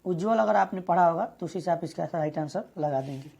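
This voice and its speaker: A woman teaches an exam prep lesson, reading each question and its options aloud before walking through the answer. Her voice is mellow and somewhat breathy, and her delivery stays steady and methodical. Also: on the low side, a little fast.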